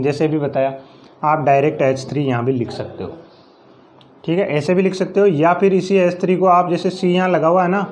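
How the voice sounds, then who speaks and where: In a slightly high, somewhat mellow voice, a male teacher with a Rajasthani Hindi accent walks his class through a chemistry lesson step by step. He counts out loud and poses questions that he answers himself. There's slight background noise.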